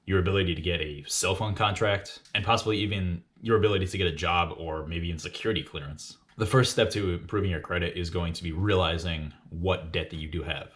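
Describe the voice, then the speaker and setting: A man in his twenties hosts a personal finance video, running through tips for viewers in a list-style explanation that's casual, instructive and emphatic. His voice sits low with a fairly bright tone.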